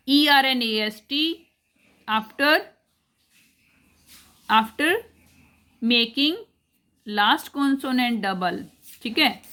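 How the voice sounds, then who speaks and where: A woman teaching a grammar lesson, explaining each rule step by step, repeating it and checking that her students follow, and reading the English rules slowly. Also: fairly high pitch. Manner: mixes in English phrases, reads English rules slowly.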